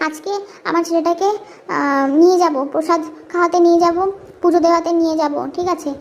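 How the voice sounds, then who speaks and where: A woman playing a scheming, money-hungry vlogger mother with a hoarse voice, chattering brazenly to her viewers in a satirical live-stream parody. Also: very high-pitched, level tone, brisk, lo-fi sound, a little hiss or hum.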